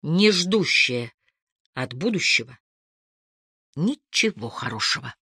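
Expressive woman reading a story. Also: sits low, slow pace, husky, dry recording, studio quality. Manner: expressive, shifts between hushed and lifted delivery. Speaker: audiobook narrator. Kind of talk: first-person audiobook narration.

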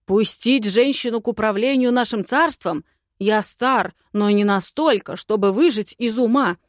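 A stubborn old court elder, bald and grumpy, yelling over everyone in an audiobook, voiced by a woman. His bluster runs loud and dry. The reader keeps it close to her own voice. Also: medium pitch, moderate pace, no room sound, lightly acted. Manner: shouting, blustering.

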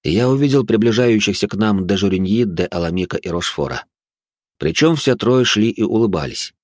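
Deep-voiced man narrating an audiobook. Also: animated, a little fast, no echo, clean studio sound. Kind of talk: first-person fantasy audiobook narration.

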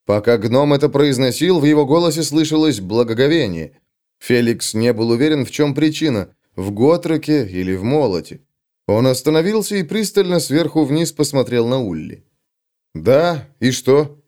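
A male audiobook narrator with a mid-range voice and a very animated, rising and falling delivery. He reads the prose in an expressive, varied way. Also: mid-range voice, moderate pace.

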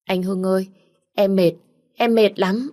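A woman's voice: lowish voice, moderate pace, a little mellow, lightly acted. A woman voicing a pampered, fragile young woman who whimpers and pleads. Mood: frightened.

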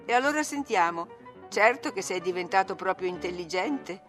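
A woman's voice: lowish voice, animated, normal speed, fairly bright tone, faint music behind. A woman voicing a proud, mocking young lady in a storybook reading.

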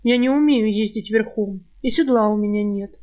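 A woman's voice: mid-range voice, normal speed, narrow, tinny audio, lightly acted. A woman voicing a cautious, blunt young village girl in an audiobook. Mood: wary.

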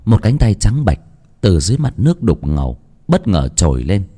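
A man's voice: low-pitched, sing-song, moderate pace, warm tone, slight background noise. A man from Vietnam narrating a scripted horror story in a dramatic, vivid way.

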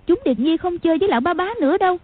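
A woman doing a timid kind little girl, soft, high voice, husky, phone-like recording. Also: animated, rapid-fire, no room sound. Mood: gentle. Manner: soft, timid, stammering when scared. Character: frightened but kind-hearted little girl. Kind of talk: audiobook character voice. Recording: tinny phone-like, dry.

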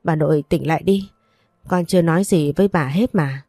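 A woman's voice: low-pitched, a little fast, dark tone, no room sound. A woman voicing a headstrong young woman in a storybook reading, speaking bluntly and coldly. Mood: sobbing. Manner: blunt, cold toward her father. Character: headstrong young woman, grief-stricken granddaughter.

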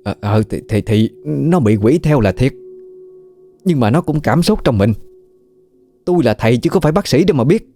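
A man voicing a bossy, scolding older woman healer, raised into a shrill nagging voice. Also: lively intonation, brisk, long pauses, darkish tone, close to an everyday voice. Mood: flustered.

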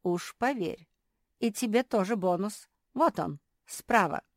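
A woman's voice: mid-range voice, lively intonation, unhurried, no echo, clean studio sound, pitched above the performer's own voice. A woman playing a sly, wheedling old shopkeeper man. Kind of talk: audiobook character voice.

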